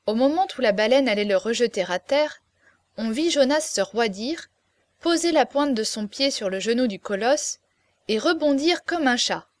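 Woman, audiobook narrator, classic novel, expressive reading, slightly high voice, dry close recording. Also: moderate pace, no echo.

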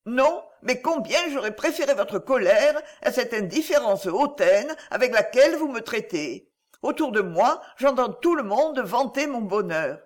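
A man's voice: very high voice, lively intonation, a little slow, voice pushed up. A man voicing a proud young wife who pleads with her husband in an impassioned, tearful way. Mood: anguished.

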